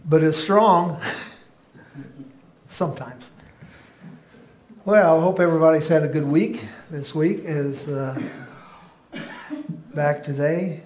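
A man's voice: fairly high pitch, slow pace, pauses often, a little hiss or hum. A male pastor giving an informal sermon, joking easily with his congregation. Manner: relaxed, joking banter with congregation. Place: church sanctuary. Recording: echoey church room.

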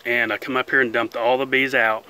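This man keeps bees and hosts a channel, talking easily while filming in an outdoor chicken pen to a faint hum of bees. He's unhurried and plain, with folksy grammar. His medium-pitched voice sounds level, pushed and bright, yet smooth.

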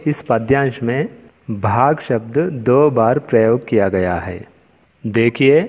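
A man's voice: mid-range voice, highs cut off. A man teaching a recorded Hindi reading lesson to schoolchildren, patient and repetitive, often addressing the children directly. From India.

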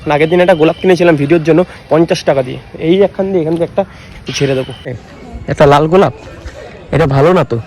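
Young man, quick talker, slightly high voice, chatty vlogger, handheld phone outdoors. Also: a little mellow. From West Bengal, India. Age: young adult. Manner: chatty, addresses viewers as brother, playful. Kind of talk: casual vlog narration. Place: outdoor park by a lake, street.

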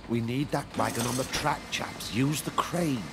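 An actor playing a genial, dryly jaunty British World War II mission guide in a video game, speaking in colloquial slang. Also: male voice, medium pitch, moderate pace, creaky, noisy background, close to an everyday voice. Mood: jaunty, instructive.

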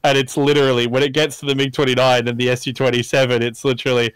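A man chatting excitedly with friends on a casual live stream about aircraft, now and then putting on mock voices for jokes. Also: mid-range voice, fast talker, smooth, no room sound. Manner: enthusiastic, puts on mock Soviet voices for jokes. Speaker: history YouTuber on a group live stream. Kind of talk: casual banter.

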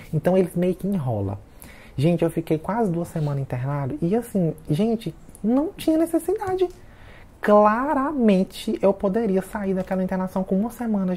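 A man in his late twenties, a vlogger, chats casually to camera in a high-pitched, warm voice. He talks directly to his viewers, keeps them involved the whole way through, and keeps calling them "gente."

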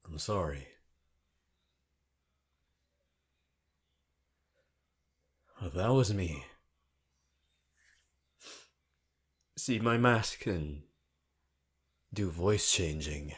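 Man voicing Hitoshi Shinsou, slow low sly flirt. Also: husky, full character voice. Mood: smug, calm. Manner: slow, hushed, teasing, pauses often. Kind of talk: ASMR character roleplay to the listener.

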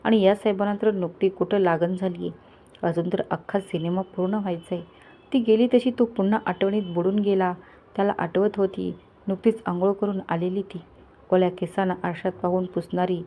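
A woman's voice: medium pitch, fairly even intonation, moderate pace, dark tone. A woman reading a family story aloud as a scripted narration, voicing the characters' lines herself. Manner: reads all characters' dialogue in a lightly shifted voice.

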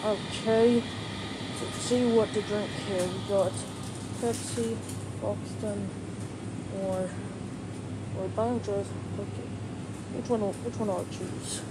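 A woman's voice: mid-range voice, steady tone, slow pace, long pauses, very noisy, pitched below the performer's own voice, natural voice. A woman voicing Junior, a hungry, whiny young boy in a plush toy comedy skit. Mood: eager. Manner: whiny, pleading.

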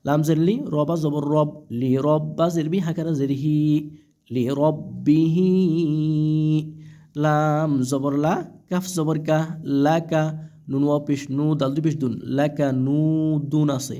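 A man's voice: on the high side, level tone, warm tone. A man teaching Quran reading, spelling each word letter by letter and asking rhetorical questions as he explains the rules. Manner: patient, letter-by-letter spelling with drawn-out recitation; asks rhetorical questions, checks with "okay?".

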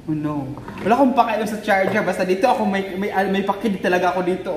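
A woman with a Filipino accent giggling and exclaiming excitedly as she unboxes a phone in a casual vlog. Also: medium pitch, fast talker, distant mic, slight background noise. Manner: excitable, giggly, mixes Tagalog and English. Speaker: vlogger. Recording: echoey room, faint ambience.

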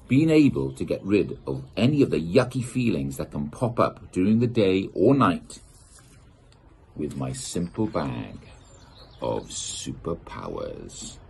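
Outdoors in a garden gazebo, a middle-aged British man reads a children's picture book aloud in a playful, expressive storytelling style, with the camera at desk distance. His voice sits low and gravelly, and there is slight background noise.

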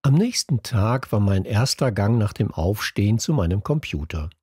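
A middle-aged man with a husky voice, giving expressive scripted narration of a children's audiobook. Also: medium pitch, no echo, studio quality. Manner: expressive storytelling.

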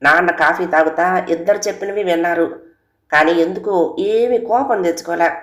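A woman narrating a comic story in a lively, conversational first-person way. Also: fairly low pitch, normal speed. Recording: roomy echo.

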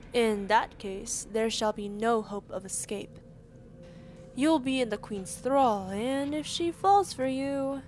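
A woman acts out an eager-to-please female rabbit servant in a fairytale audio drama. Her voice is fairly high, polite and formal, with an apologetic, deferential way of talking. There is faint ambient noise behind it. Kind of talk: audio roleplay drama acting.

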